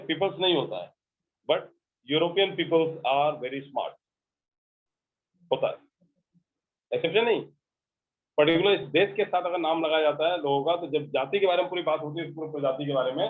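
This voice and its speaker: A man teaching an English grammar class with an Indian English accent, explaining by repeating points and checking that students understand. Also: on the high side. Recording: tinny phone-like recording.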